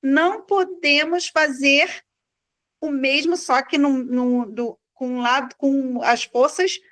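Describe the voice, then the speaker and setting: Slow, halting high-voiced woman. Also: fairly even intonation, a bit bright. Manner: halting, searching for words. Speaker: participant in a spiritual group meeting. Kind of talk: casual spiritual conversation.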